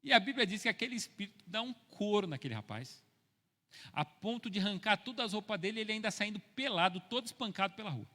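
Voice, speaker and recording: Middle-aged Brazilian pastor, ironic storyteller, fairly high voice, echoing church hall. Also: male voice, animated, fast talker. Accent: Brazilian Portuguese. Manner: storytelling, ironic, swings from soft asides to loud preaching. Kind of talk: sermon. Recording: long church hall reverb.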